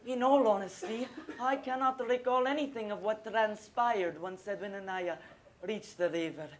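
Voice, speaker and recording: A woman playing a disdainful young man in a Victorian stage mystery, speaking in a measured, arch way from a distant stage. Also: mid-range voice, natural voice. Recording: distant live stage, faint noise.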